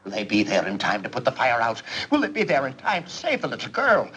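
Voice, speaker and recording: A blustering excitable boss. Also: male voice, medium pitch, fast talker. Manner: blustering, theatrical, swings from loud to hushed. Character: excitable middle-aged male businessman boss, blustering. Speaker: company boss. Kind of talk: 1940s film acting. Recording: old film soundtrack with faint hiss.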